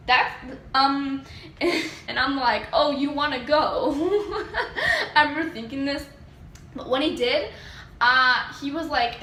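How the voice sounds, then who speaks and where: A woman's voice: high voice, sharp tone. A teenage girl casually telling a story to camera, chatty and full of "like", acting out quotes with sass. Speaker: storytime vlogger. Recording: echoey room.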